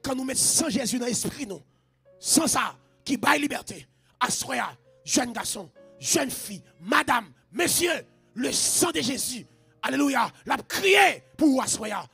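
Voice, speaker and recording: A Haitian man preaching a shouted sermon, chanting repeated phrases in a steady rhythm. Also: very high voice, gravelly, slightly rough.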